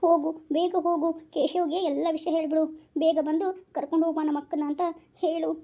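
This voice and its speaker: A woman's voice: sits high, little pitch movement, fast talker, dull audio. A woman voicing a tearful young woman pleading against an arranged marriage, with a North Karnataka Kannada accent. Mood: worried. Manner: pleading, weepy, soft. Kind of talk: homemade village drama.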